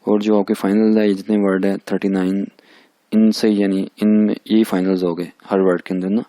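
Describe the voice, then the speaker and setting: एक पुरुष शिक्षक, पाकिस्तानी उर्दू लहजे में, जो शब्दों की ध्वनियाँ बार-बार दोहराकर धैर्य से अभ्यास करवाते हैं।. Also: male voice, on the low side, flat delivery, normal speed, dark tone, no echo. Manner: repeats each sound many times, patient and drilling. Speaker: language teacher. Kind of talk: recorded language lecture over slides.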